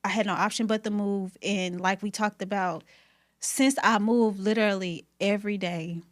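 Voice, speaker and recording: A woman's voice: mid-range voice, steady tone, normal speed. Emphatic woman hairstylist testifying about faith. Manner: emphatic, faith-filled storytelling. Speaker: hairstylist guest. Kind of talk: candid conversation.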